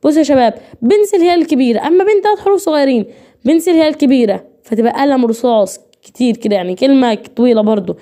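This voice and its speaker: A woman's voice: high voice, expressive, rapid-fire, mellow. A woman with an Egyptian accent teaching English online, repeating and drilling each point while addressing her students directly. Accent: Egyptian Arabic. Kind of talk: online lecture.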